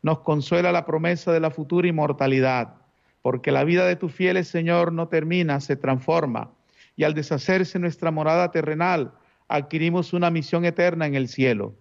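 A man's voice: fairly high pitch, normal speed, creaky, muffled recording. A man speaking as a priest at Mass, reciting liturgical prayers in a solemn, formal manner.

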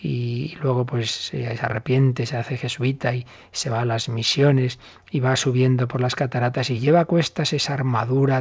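Husky priest explaining the catechism. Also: male voice, medium pitch. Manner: animated storytelling, acts out little dialogues. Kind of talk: catechism lesson commentary. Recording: dull lo-fi recording.

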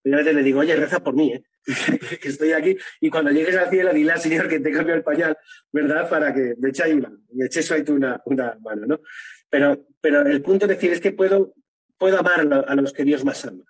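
Man, husky, a bit high, earnest, interview testimony, tag questions. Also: fairly even intonation, fast, poor audio. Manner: earnest, tags phrases with "¿no?".

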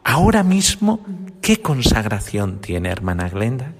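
A man's voice: mid-range voice, huge pitch swings, measured pace, big-room sound. A man, a priest hosting an interview, asking probing questions with hesitant fillers.

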